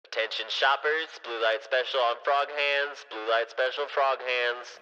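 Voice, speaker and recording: A man putting on the voice of a mock-formal supermarket loudspeaker announcer, speaking as a store PA announcement. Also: mid-range voice, steady tone, a little slow, smooth, big-room sound, lo-fi sound. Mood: announcing.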